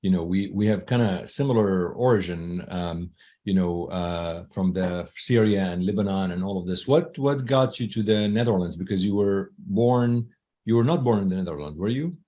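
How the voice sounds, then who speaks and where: Guy hosting a podcast, upbeat and animated, lowish voice. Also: normal speed. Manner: enthusiastic, animated questioning. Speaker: podcast host. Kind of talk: podcast interview.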